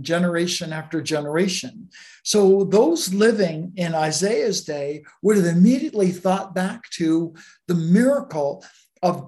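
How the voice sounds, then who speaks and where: Relaxed, chatty Bible teacher. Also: mid-range voice. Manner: relaxed, anecdotal, with many asides. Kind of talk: conversational sermon.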